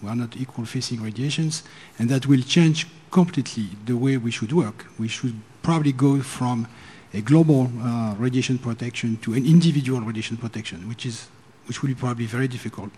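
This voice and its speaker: A man making a measured, earnest comment from the floor at a conference. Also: medium pitch, darkish tone, husky. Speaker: commissioner speaking from the floor. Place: conference hall.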